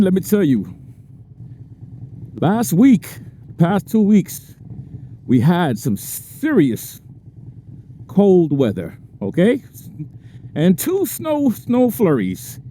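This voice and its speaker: A man's voice: high-pitched, dark tone. A man chatting casually to viewers while riding his motorcycle, laughing often and stretching out his stresses. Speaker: motorcycle vlogger. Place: on a motorcycle in traffic outdoors. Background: faint traffic and wind noise.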